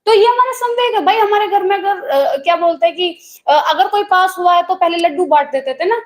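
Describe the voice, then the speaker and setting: Young woman, teacher, very high voice, chatty, personal stories, online lesson. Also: a little fast, reverberant. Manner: chatty, addresses students as children, tells personal stories. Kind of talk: online exam-prep lesson.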